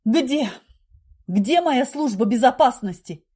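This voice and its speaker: A woman voicing a desperate, sweating businessman who pleads and shouts in panicky outbursts. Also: extremely high pitch, lively intonation, takes it slowly, husky, pitched above the performer's own voice, exaggerated voice. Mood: panicked.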